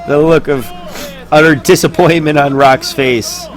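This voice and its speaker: A man giving casual solo play-by-play commentary on a live game stream, chatty and laid-back between plays, rising to excited shouts on big moments, with hiccups now and then. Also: fairly high pitch, measured pace, faint music behind. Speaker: esports caster.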